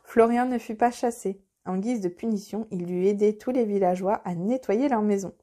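A woman narrating a children's audiobook in a gentle, expressive way. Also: medium pitch, normal speed. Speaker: storyteller.

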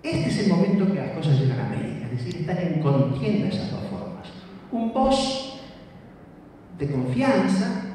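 A man's voice: fairly high pitch, warm tone, a little hiss or hum. A man giving an academic lecture, teaching and checking in with his listeners. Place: lecture hall. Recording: echoey hall from far off.

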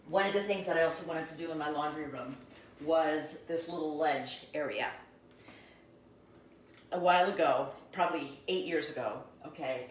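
A woman's voice: low-pitched, slight background noise. A middle-aged woman casually chatting about the art in her home as she walks through her laundry room. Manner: chatty, self-deprecating, enthusiastic. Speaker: artist giving a home art tour. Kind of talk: casual live-stream tour. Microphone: handheld phone camera. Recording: echoey room, phone held at a distance.

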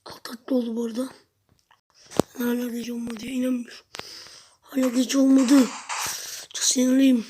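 A woman with a high voice that stays on a narrow, even line talks her way through a video game for her viewers, muttering to herself and now and then bursting out loudly. Faint noise and clicking sit behind her. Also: normal speed, pauses often. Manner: chatty, talks to herself and viewers, sudden loud outbursts. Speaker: gameplay video host. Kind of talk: casual gameplay commentary.

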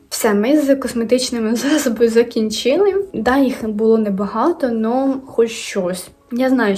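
A young woman with a fairly high voice chats through a beauty unboxing. Her tone is soft and mellow. She corrects herself as she goes and often trails into quieter asides. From Ukraine. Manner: chatty, self-correcting, drops to quiet asides. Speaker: beauty vlogger. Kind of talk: casual product unboxing chat.

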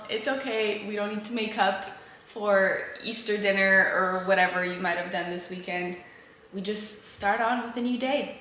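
A woman's voice: medium pitch, fairly bright tone, slight background noise. A woman in her twenties, a fitness coach, chatting casually to camera at home, full of "like" fillers. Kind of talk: casual vlog chat to camera. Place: home kitchen and dining room. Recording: echoey room.

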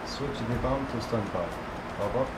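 A man's voice: medium pitch, moderate pace. Man on a crackling two-way radio, roomy and noisy, giving brief commands. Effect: two-way radio transmission with static. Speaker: control room operator. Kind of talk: radio call procedure.

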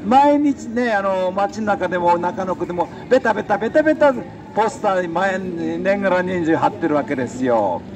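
A middle-aged man giving an emphatic, halting, colloquial street speech into a handheld microphone. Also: high-pitched, lively intonation. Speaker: defeated election candidate, street speaker. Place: outdoors beside a busy city road. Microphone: handheld microphone held close. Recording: noisy city street with traffic.

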